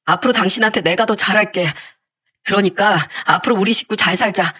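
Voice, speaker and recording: A woman's voice: mid-range voice, brisk, bright, forceful tone, slightly rough. Woman doing a earnest, pleading husband. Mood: remorseful. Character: devoted husband, earnest middle-aged man. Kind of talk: storybook narration with acted voices.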